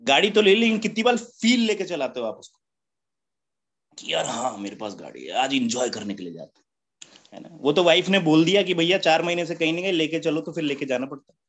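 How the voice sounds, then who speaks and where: A man with a slightly high voice delivers a motivational talk to a business meeting audience. He talks in a casual, joking way and laughs at his own points. He keeps checking in with the room through rhetorical questions. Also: sing-song, brisk, fairly bright tone. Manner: rhetorical questions with a constant "है ना?" tag.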